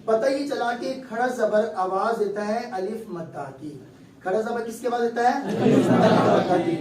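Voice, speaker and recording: A man's voice: high voice, a little slow, echoey room, recorded from a distance, very noisy. A male teacher giving a classroom lesson on Quran recitation, explaining step by step and quizzing his students.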